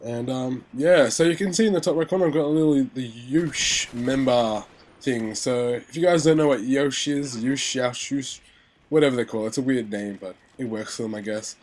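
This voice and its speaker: Still congested and a little hoarse after an illness, a young gaming commentator rambles through casual game commentary full of fillers and restarts. His voice is mid-range with a darkish tone, and he keeps a moderate pace.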